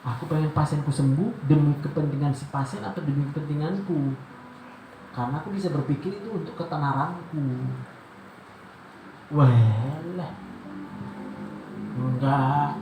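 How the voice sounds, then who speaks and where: A man, a doctor, giving a devotional sermon in an animated way, asking rhetorical questions and acting out prayers. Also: on the high side, normal speed, long pauses. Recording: echoey room with loud background noise.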